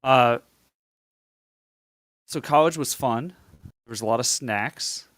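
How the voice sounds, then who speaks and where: A man in his forties, a guest on a podcast, telling his story in a relaxed, self-deprecating way with many fillers. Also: medium pitch, takes it slowly, dry recording. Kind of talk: casual podcast interview.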